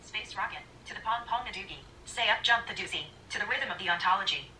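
A synthetic female voice assistant with a too smooth android sound, answering in polished, even replies from a phone. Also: medium pitch, fast, a little hiss or hum, poor audio. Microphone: played from a phone speaker.

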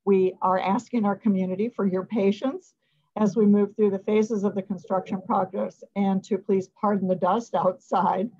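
A middle-aged woman, a hospital president, giving prepared remarks at a media briefing over a video call from an office, measured and formal. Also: mid-range voice, fairly even intonation, mellow, breathy edge. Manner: measured, formal, reading from notes. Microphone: video call webcam. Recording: dull lo-fi video call audio.

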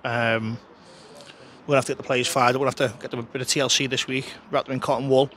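Talking quickly in a level, fairly bright tone, a football manager chats frankly after the match. He's outdoors by the pitch, speaking into a close handheld mic and often starting his sentences over.

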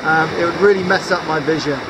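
This man in his thirties, a sea kayaking instructor from the UK, speaks briskly in a fairly high voice. Filmed outdoors on coastal rocks with background noise, he shows off safety gear to camera in an upbeat, practical manner.

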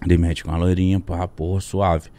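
A young man telling a story as a podcast guest, animated and slangy, with a lot of swearing. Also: low-pitched, normal speed. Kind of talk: casual storytelling. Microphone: studio podcast mic.

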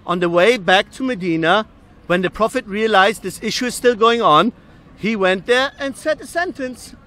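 High, bright-voiced man debating outdoors. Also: normal speed. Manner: animated, addresses the crowd as brothers and sisters. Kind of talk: street debate. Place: outdoors at a public park.

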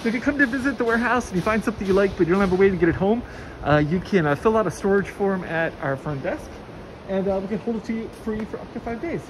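A woman's voice: mid-range voice, fast. A woman casually guiding a walking tour through a large warehouse, chatty and enthusiastic with many fillers. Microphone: handheld phone camera, walking. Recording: noisy warehouse ambience.

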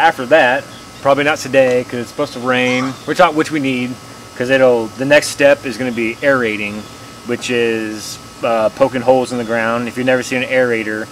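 A young man in his twenties giving a rambling, folksy how-to talk about lawn care while crouching in his backyard, restarting his sentences often. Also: mid-range voice. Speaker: home lawn care vlogger. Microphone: camera mic on a tripod some distance away. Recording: distant camera mic outdoors with faint insect noise.

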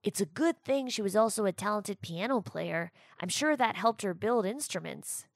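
A woman's voice: medium pitch, expressive, normal speed, gravelly, dry recording, studio quality. A woman voicing a curious young boy explorer in a children's audio drama, eager and full of wonder.

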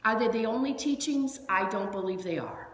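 A woman minister giving a sermon in a church, chatty and animated, telling stories with lots of asides. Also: a little high, normal speed. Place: church sanctuary. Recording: echoey hall with long reverb.

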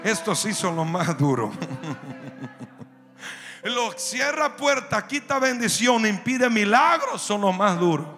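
A man's voice: high voice, sing-song, slow pace, pauses often, sharp tone. Man, preacher, impassioned, repetitive cadences, echoing church hall, music behind. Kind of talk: sermon.

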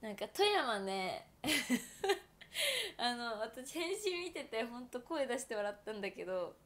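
A young woman in her twenties hosts a casual solo livestream, her voice pitched a little high. She rambles with plenty of fillers and giggles, chatting to her viewers. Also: very animated, a little slow, fairly bright tone. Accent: Toyama Japanese. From Japan (Toyama). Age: 20s. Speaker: livestream host.

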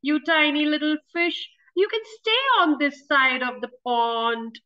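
A woman voicing a kind, gentle male hippo who loves to dance, talking eagerly. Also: sits high, unhurried, far from the mic, dull audio. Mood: apologetic. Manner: bouncy and eager, then mournful.

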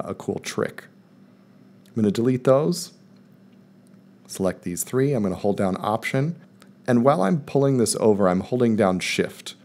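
A man calmly walking viewers step by step through a screen-recorded software tutorial, in voice-over. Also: fairly low pitch. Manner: calm step-by-step explaining. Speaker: math teacher presenting a tutorial. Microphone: voice-over recorded over screen capture.

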